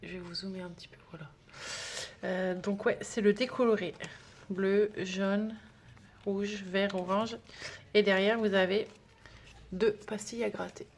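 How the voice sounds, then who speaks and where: Woman, casual unboxing chatter, gushing, filler-heavy, tired, mid-pitched, faint background hiss. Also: fairly even intonation, a little slow, pauses often. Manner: chatty, gushing, many fillers, drops to soft whispers. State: tired, trembling hands. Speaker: budgeting vlogger.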